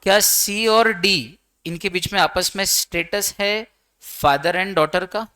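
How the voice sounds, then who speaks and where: A man's voice: high voice, slow, bright, forceful tone, smooth, dry recording. A man teaching law in an exam-prep lecture, chatty and teasing, slipping English terms into his explanations.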